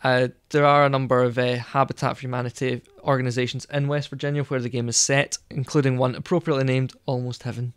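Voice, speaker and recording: A man's voice: mid-range voice, little pitch movement, fast talker, hardly any pauses, clean tone, dry recording. A man co-hosting a podcast in casual chat, rambling and hesitant with lots of fillers. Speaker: podcast co-host.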